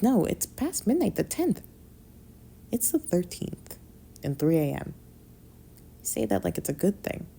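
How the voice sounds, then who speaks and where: A woman reading a novella aloud, acting out both sides of a dialogue in a quiet, intimate way that sometimes drops into a whisper. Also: fairly low pitch, vocal fry, a little hiss or hum. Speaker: audiobook reader.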